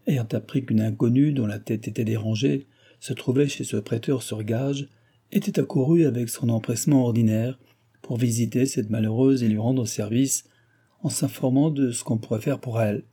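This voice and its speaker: A man reading a classic novel aloud in an even, measured narration. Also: medium pitch, breathy edge. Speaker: audiobook narrator.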